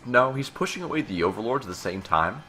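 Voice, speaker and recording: A man's voice: medium pitch, expressive, fast talker, bright, forceful tone, slight background noise. A man giving joking play-by-play commentary on a strategy video game match. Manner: joking, banters with co-caster. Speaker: esports caster.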